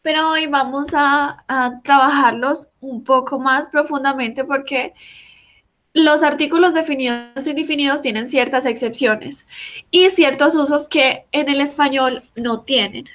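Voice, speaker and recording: A woman's voice: sits high, steady tone, unhurried, fairly bright tone. A woman teaching a class online through a video call, explaining patiently step by step and repeating examples. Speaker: English teacher.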